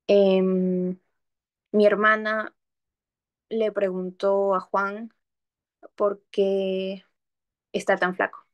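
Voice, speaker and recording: Woman, teacher, patient, explanatory, online lesson, mid pitch. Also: a little mellow. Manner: patient, explaining step by step with examples; checks understanding often with "¿ok?".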